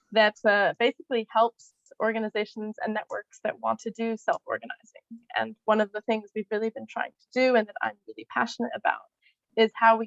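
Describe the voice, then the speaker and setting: Woman panelist, somewhat high, flat delivery, dull dry call audio. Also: no echo. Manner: loose, hesitant, many fillers. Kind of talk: online panel talk. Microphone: video call.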